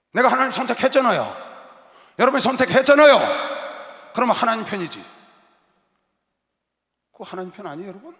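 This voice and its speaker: A man preaching a sermon as pastor, shouting and leading the congregation in call-and-response. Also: high voice. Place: large arena hall. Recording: roomy long-reverb arena sound.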